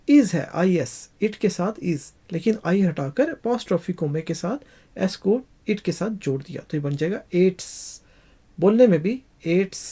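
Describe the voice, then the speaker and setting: A teacher walks through an English lesson at an unhurried, deliberate pace, repeating every phrase and stretching out each English example. The voice is warm and somewhat husky, with a lively rise and fall in pitch.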